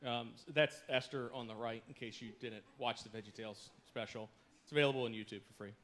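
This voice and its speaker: A man speaking as a guest from a church stage to a congregation. His delivery is loose and conversational, full of fillers and playful asides. His voice sits at an ordinary middle pitch. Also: fairly even intonation, a little fast, a bit bright. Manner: jokey, self-deprecating, many fillers. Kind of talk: casual joking sermon talk.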